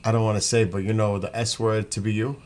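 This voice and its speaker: This New York man, a livestream host, talks fast and flat in a lowish, darkish voice, rambling as he greets commenters and reads their messages aloud. He breaks off now and then to read names. The recording carries clear background noise and room ambience.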